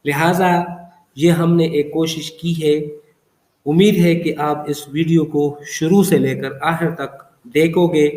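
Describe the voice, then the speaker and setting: Slow-talking male poetry teacher. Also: on the high side, darkish tone, reverberant. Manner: patient, repetitive teaching with frequent check-ins. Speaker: English literature teacher. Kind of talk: classroom lecture explaining poetic feet.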